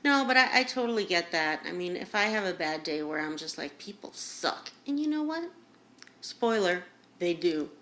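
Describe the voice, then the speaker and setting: A woman's voice: fairly low pitch, expressive, a bit bright, a little hiss or hum. A woman co-hosting a podcast in casual chat, joking and slangy. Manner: jokey, slangy, drawn-out delivery. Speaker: podcast co-host.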